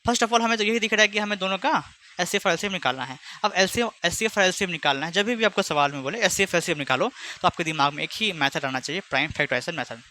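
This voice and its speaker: Bright-voiced chatty maths teacher. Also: male voice, high-pitched, expressive, quick pace. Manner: chatty, teasing, speaks both sides of a pupil dialogue. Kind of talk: online class lesson with imagined student back-and-forth.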